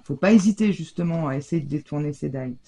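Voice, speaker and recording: Gravelly, dark-voiced French woman vlogging. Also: low-pitched, fast. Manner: hesitant, many fillers and restarts. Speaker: scrapbooking vlogger. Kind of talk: casual haul video.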